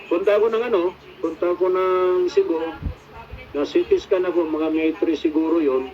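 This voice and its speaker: A man's voice: high voice, steady tone, moderate pace. A middle-aged man giving a casual spoken testimony as a patient, rambling and searching for words with many fillers, mixing in English phrases. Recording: dull lo-fi recording.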